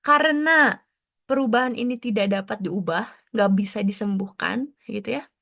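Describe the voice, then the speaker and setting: A woman tutor giving an explanatory lesson, stepping through technical terms and glossing each one, with frequent soft tag questions. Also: medium pitch, normal speed, vocal fry, dry recording, clean studio sound. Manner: explains step by step, drops in foreign technical terms and glosses them. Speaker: exam prep tutor.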